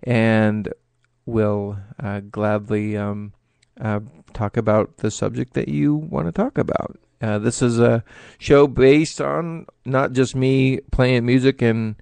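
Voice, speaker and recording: A middle-aged man with a gravelly, creaky voice delivers an earnest solo monologue on his internet radio show. He speaks haltingly, filling his pauses with many "uh"s, and the sound is close and dry, with no room around it. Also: medium pitch, steady tone, darkish tone, no room sound.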